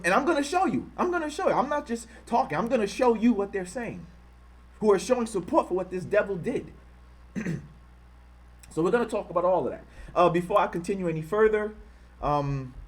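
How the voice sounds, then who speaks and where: An American man with a husky, highish voice rants on a livestream as an online channel host, fired up and firing off repetitive rhetorical questions. When he greets and thanks his live viewers, his tone turns softer.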